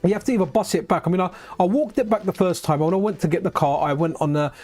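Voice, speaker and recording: A man hosting a live retro gaming stream, chatting excitedly with frequent restarts and asides to his viewers. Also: sits high, fast talker, faint music behind.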